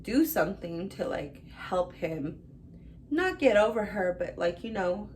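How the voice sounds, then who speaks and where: A woman's voice: medium pitch, expressive, measured pace, a little mellow, slight background noise. A young woman reviewing books in a casual vlog, chatty and rambling, full of fillers and gushing about what she read. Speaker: book reviewer.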